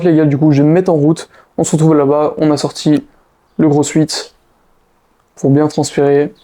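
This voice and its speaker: Young guy vlogging his gym prep, chatty and slangy, kinda flat mellow voice. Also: a little high. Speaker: fitness vlogger. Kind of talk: casual vlog talk to camera.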